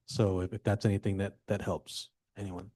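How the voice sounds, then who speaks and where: A man's voice: lowish voice, flat delivery, moderate pace, warm tone. A man moderating a panel, speaking hesitantly with many fillers.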